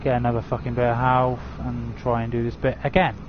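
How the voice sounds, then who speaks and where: A man's voice: medium pitch, monotone, a little fast. A man streaming a horror game live, swearing and grumbling at the game to his viewers. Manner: frustrated, swearing, talking to viewers. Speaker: gaming streamer. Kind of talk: live gameplay commentary. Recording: dull lo-fi stream audio with game noise.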